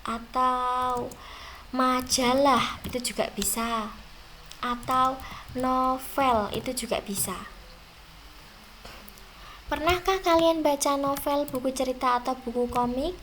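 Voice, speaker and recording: A young woman teacher goes over exam questions with her students. Her voice sits a little high, and she slows right down on the words she wants them to remember. Faint noise hums under the recording. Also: a bit bright. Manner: slow, drawn-out stressed words, addressing students directly. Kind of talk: exam review lesson.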